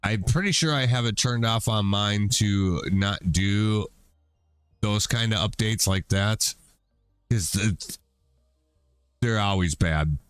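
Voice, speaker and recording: A middle-aged man with a lowish voice talks through a gaming stream in a loose, rambling way, dropping profanity casually. The sound is dry and close, with no room echo. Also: takes it slowly, long pauses, clean tone, faint music behind. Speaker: game streamer. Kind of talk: casual chat while gaming.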